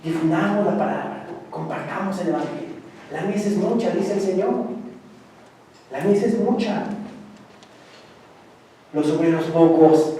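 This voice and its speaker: A man's voice: high voice, darkish tone, heavy reverb, distant mic, poor audio. A man preaching a sermon as pastor, pressing his points with repeated phrases and rising emphasis. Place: church.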